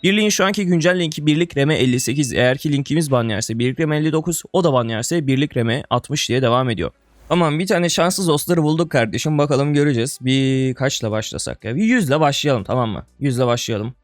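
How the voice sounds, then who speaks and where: A man's voice: mid-range voice, fast, no room sound. Exasperated young man streaming a game. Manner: exasperated, groaning and swearing under breath; addresses viewers as brother and buddy. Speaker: gaming streamer. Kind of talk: casual game commentary.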